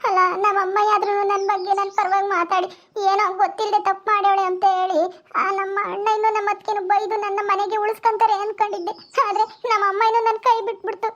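A woman's voice: very high-pitched, level tone, fast, fairly bright tone, lo-fi sound. A sorrowful village wife, as a woman acts her out. She laments with frequent sighs and hums of grief. This is a homespun village comedy skit. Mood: lamenting. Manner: tearful, lamenting, sighs often.

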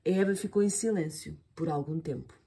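A woman reading a children's story aloud, playful and expressive, adding sound effects. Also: low-pitched, fairly quick, slightly rough.

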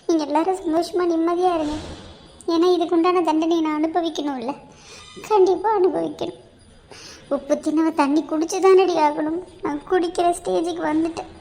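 A woman's voice: very high voice, fairly even intonation, normal speed, dark tone. A woman voicing a remorseful young pregnant wife in a cartoon, talking in a tearful, pleading, self-blaming way. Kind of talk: amateur cartoon voice acting.

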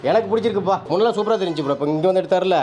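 A man with a Tamil Nadu accent chatting quickly in a family vlog at a salon, coaxing his small child. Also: high voice, darkish tone, a little hiss or hum. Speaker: family vlogger, father. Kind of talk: casual family vlog chat. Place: tattoo and beauty salon, indoors.

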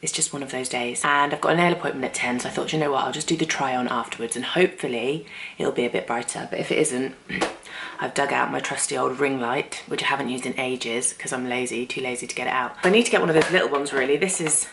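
A woman's voice: very deep voice, quick pace, vocal fry, a bit bright, slight background noise. A young woman chatting casually in a home vlog, rambling and self-deprecating. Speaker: vlogger.

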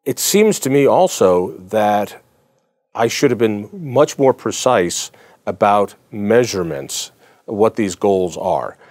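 A man's voice: on the low side, expressive, slow, a little mellow, no echo, clean studio sound. A man hosting an interview, talking earnestly and personally, often restarting his sentences. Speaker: interview host. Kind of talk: interview conversation.

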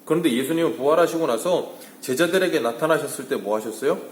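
A male pastor preaching an early-morning sermon, asking rhetorical questions and moving between hushed and emphatic delivery. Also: on the high side, expressive, quick pace, reverberant, slight background noise. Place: church sanctuary.

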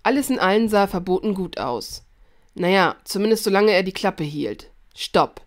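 Woman reading fan fic out loud, lively, trips over words now and then. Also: medium pitch, moderate pace. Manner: lively read-aloud with occasional slips and restarts. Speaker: fan fiction reader. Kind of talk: fan fiction audiobook narration.

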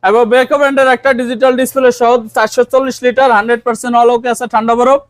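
Shop seller, male, Bangladeshi Bengali accent. Very high, very fast, dry close sound, relentless price countdowns. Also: little pitch movement, no room sound. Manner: fast, insistent haggling patter with repeated stock phrases. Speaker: used fridge shop seller. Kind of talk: rapid sales pitch, counting prices down. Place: used fridge shop.

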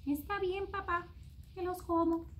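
Woman playing a squeaky little pea boy. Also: flat delivery, measured pace, muffled recording, slight background noise. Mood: whiny. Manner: high childish whine, stretched words. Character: small fussy pea boy, sweet-voiced.

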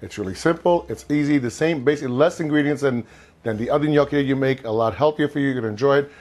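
A chatty cooking show host in his fifties leads an informal demonstration in a home kitchen, often repeating and rephrasing himself. His mid-range, darkish voice moves at a quick pace and is picked up by a lapel mic.

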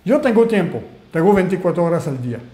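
A native French speaker with a French Canadian accent gives an animated webinar presentation as an online marketing mentor, putting questions to his audience. His high voice moves fast, and the room is echoey.

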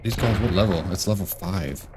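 A man with a sick, rough voice, rambling casually and thinking aloud while he plays a game. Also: low voice, normal speed. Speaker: gaming YouTuber. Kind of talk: casual gameplay commentary. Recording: game music playing behind. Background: game music.

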